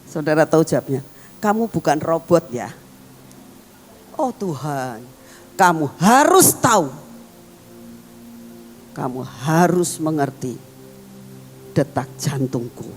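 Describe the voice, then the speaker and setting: A woman pastor, preaching a sermon as emotive storytelling that swings between excited and hushed. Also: deep voice, slow, long pauses. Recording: long hall reverb with faint music.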